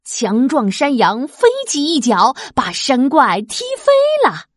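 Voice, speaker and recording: A woman reading a children's storybook aloud, expressive and lively. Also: a little high, slightly rough, no echo, studio quality. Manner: slow, lively, expressive, sound effects.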